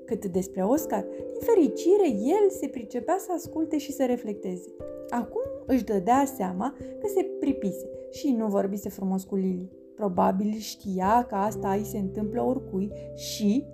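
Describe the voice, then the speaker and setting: A woman reading a children's storybook aloud in a lively, expressive way. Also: medium pitch. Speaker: narrator. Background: background music.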